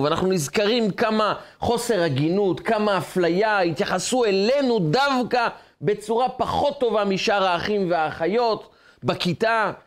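A man, a rabbi, giving a sermon on the weekly Torah portion, telling the story dramatically in short rhythmic lists. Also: high voice.

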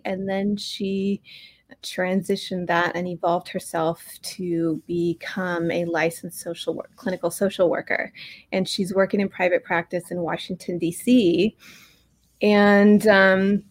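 A woman co-hosting a podcast, talking casually and at length with fillers. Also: on the low side. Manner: chatty, warm introductions with fillers. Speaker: podcast co-host.

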